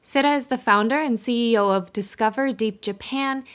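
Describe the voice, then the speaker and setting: A woman hosting a podcast, reading a scripted intro in a friendly, clear, explanatory way. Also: a little high, normal speed, fairly bright tone. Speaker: podcast host.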